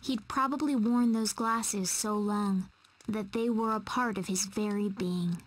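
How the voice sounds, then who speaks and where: A woman reading a story narration in a measured, storytelling voice. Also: mid-range voice, fairly even intonation, lightly acted, poor audio.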